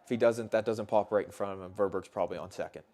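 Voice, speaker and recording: A man's voice: fairly low pitch, fairly even intonation, fast, dark tone, slight background noise. A man working as a color commentator, analysing a live baseball game in a conversational way.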